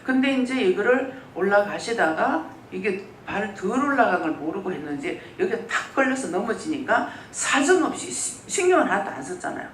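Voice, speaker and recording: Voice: normal speed, hardly any pauses. A pastor preaching a sermon in a church, telling stories and acting out what people said. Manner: lively storytelling, acts out quoted speech. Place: church sanctuary. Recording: roomy church hall, mic at a distance, faint rumble.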